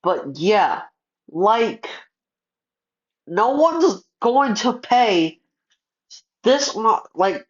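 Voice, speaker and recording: A man's voice: very high-pitched, a bit bright. A man, a gaming YouTuber, ranting in casual commentary, frustrated, filling his talk with "like" and stumbling over words as he restarts them. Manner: frustrated, heavy on filler words. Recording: muffled lo-fi audio.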